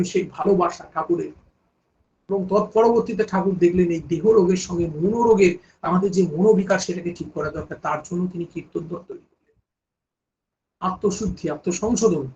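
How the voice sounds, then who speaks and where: A man with a high voice delivers a devotional discourse in a storytelling manner, pausing to ask his listeners rhetorical questions. The recording sounds dull and lo-fi. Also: a little mellow. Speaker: devotional speaker.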